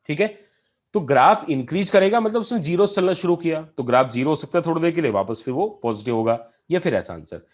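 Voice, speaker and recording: A man's voice: mid-range voice, darkish tone. A man teaching a calculus lesson, explaining step by step and asking his students questions as he goes. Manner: mixes in English math terms. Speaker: math teacher. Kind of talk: classroom lecture on calculus.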